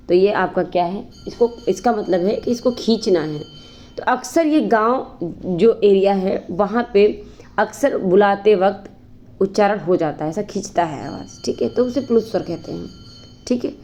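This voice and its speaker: A woman with a warm, expressive, medium-pitched voice teaches an exam-prep grammar lesson at a normal pace. She explains patiently, keeps repeating "ठीक है," asks herself rhetorical questions, and drawls vowels long to show how they stretch.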